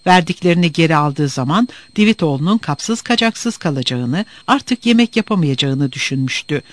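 A man narrating a story with an expressive, dramatic reading. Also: a little high, normal speed, dry recording.

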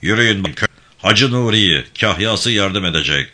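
A stern militia band leader gives orders in a voice pitched higher and louder than the reader's own, as a man puts him on. He talks in a commanding, clipped way with lively swings in pitch. The tone is bright and forceful. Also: a little slow, a little hiss or hum, full character voice.

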